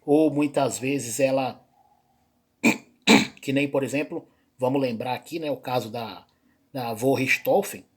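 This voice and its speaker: Guy with a husky kinda breathy voice, rambling commentary, lots of fillers. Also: mid-range voice. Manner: rambling, with many fillers and trailing pauses. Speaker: reaction video host. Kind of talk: casual spoken commentary.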